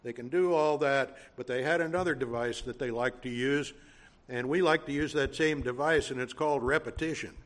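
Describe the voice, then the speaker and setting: A man with a Cajun accent preaching a sermon, teaching in a measured way and driving points home through repetition. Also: medium pitch. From Louisiana.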